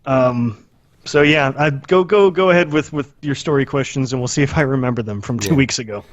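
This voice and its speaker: This male co-host speaks fairly quickly in a mid-range voice during a casual video game chat. His style is blunt, hyperbolic and full of profanity. The recording has no room sound and its high frequencies are cut off.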